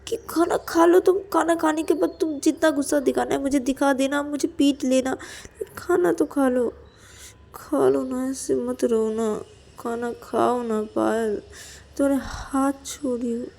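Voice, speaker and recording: Woman playing a young lover in a storybook romance, high, begging, repeats herself. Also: lively intonation, moderate pace, dark tone. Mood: pleading. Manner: begging, repeats words over and over. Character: young woman pleading with her lover to eat.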